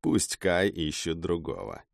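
A man voicing a calm, protective male adventurer who speaks low and clipped through his teeth. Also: unhurried, vocal fry, no echo, studio quality, heavily acted. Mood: steely.

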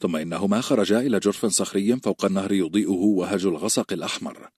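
A man narrates a fantasy novel in a steady, measured read. His voice sits low with a breathy, husky grain. The mic is close and the room is dead dry. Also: dry recording. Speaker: audiobook narrator. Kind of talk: scripted audiobook narration.

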